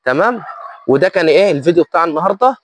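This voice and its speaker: A man's voice: a little high, lively intonation, rapid-fire, no echo, studio quality. An Egyptian-accented man giving a casual tutorial as a vlogger, often asking and answering his own questions. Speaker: vlogger demonstrating his phone.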